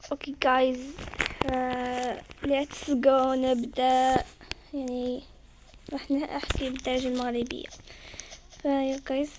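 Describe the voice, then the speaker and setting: A woman with a Moroccan accent, a gaming channel host giving chatty gameplay commentary that bursts into excited squeals when she is surprised. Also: sits high, slight background noise. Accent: Moroccan Arabic.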